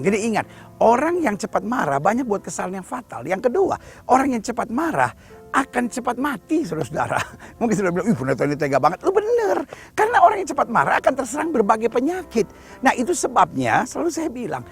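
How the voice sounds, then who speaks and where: Lively, gravelly-voiced pastor preaching. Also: male voice, high-pitched. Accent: Indonesian. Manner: animated, jokey preaching with rhetorical questions. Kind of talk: sermon. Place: outdoors at a rocky site.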